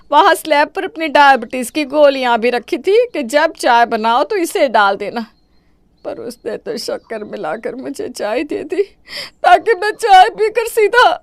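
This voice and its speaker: A woman's voice: high-pitched, expressive, normal speed, no echo, voice pushed up. A woman voicing a scheming, melodramatic older mother-in-law who wails and complains theatrically in a cartoon. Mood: wailing.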